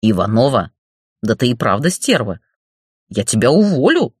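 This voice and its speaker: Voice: medium pitch, sing-song, normal speed, slightly rough, no echo, studio quality, voice pushed down. A narrator voicing a crude, foul-mouthed middle-aged male boss who bullies and mocks in an audiobook. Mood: angry bullying. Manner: bullying, swearing, mocking. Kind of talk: audiobook character voice.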